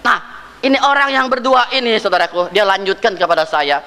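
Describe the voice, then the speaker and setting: In a reverberant hall, a male pastor with a high-pitched, expressive voice that is bright, forceful and smooth preaches a little fast. Jokey in manner, he acts out dialogue and aims rhetorical questions directly at his congregation.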